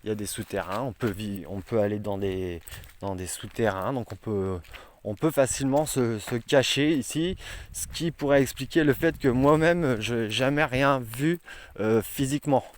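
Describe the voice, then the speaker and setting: A man's voice: mid-range voice, moderate pace, a little hiss or hum. A man vlogging outdoors in a forest, talking earnestly and rambling with many hesitations. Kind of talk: casual vlog talk to camera.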